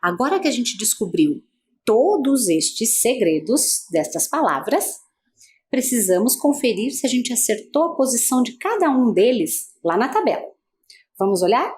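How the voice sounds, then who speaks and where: A woman's voice: fairly high pitch, big pitch swings, normal speed, a little mellow. A female teacher with a Brazilian Portuguese accent, giving an adult-education video lesson, patient and asking many guiding questions.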